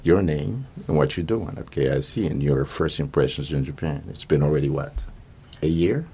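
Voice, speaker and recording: A man's voice: extremely low pitch, normal speed, mellow, breathy edge. A man hosting a radio program in a casual style, introducing and chatting with guests. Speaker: radio host.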